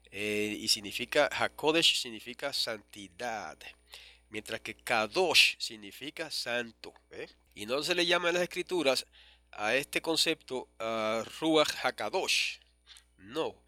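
A man preaching a teaching sermon, explaining terms slowly, repeating and spelling key words, and calling his listeners brothers. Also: mid-range voice, sharp tone, dry recording. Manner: measured, with frequent pauses and restarts, asks "¿verdad?" often.

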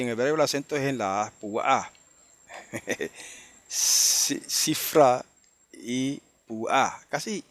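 Man, Bible teacher, mid pitch; unhurried verse-by-verse teaching, checks in with listeners often. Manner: unhurried, explanatory, with frequent tag questions.

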